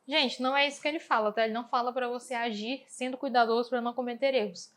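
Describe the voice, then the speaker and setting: A woman's voice: a little high, fairly even intonation, fast, a bit bright. A woman English teacher with a Brazilian Portuguese accent, explaining exam answers patiently and asking and answering her own questions.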